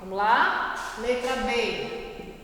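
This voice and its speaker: Woman, teacher, slow unhurried lesson, patient questioning, echoey room, faint hiss. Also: fairly high pitch, a bit bright. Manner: patient, asks the class many questions. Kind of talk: classroom lesson. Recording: very echoey room with long reverb.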